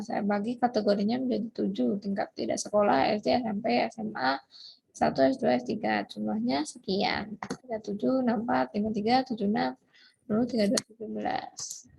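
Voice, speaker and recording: A woman's voice: on the high side, gravelly, a little mellow, slight background noise. A woman lecturer giving a recorded online lesson, explaining step by step with many fillers and restarts. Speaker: university lecturer.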